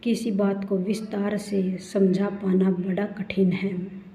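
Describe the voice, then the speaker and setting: A woman's voice: medium pitch, level tone, slow, mellow, natural voice. A woman voicing a witty, playful courtier in a sly, teasing storybook reading. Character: witty clever courtier, grown man, playful. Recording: roomy, dull lo-fi recording.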